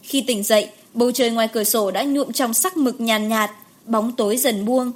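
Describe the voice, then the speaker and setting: A woman reading an audiobook in an even storytelling way. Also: on the high side, normal speed. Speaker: audiobook narrator. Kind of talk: scripted narration.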